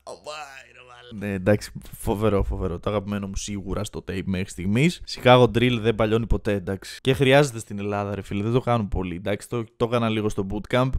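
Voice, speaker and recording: A man hosting a podcast and reacting to a rap album in casual commentary. He gets excited, uses slang and swears freely, and thinks out loud as he goes. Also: lowish voice, hardly any pauses.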